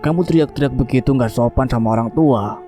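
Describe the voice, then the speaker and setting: Guy doing a smug middle aged villain, mocking chuckle, dark warm voice. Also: mid-range voice, brisk, faint music behind, close to an everyday voice. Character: smug cruel middle-aged bachelor killer.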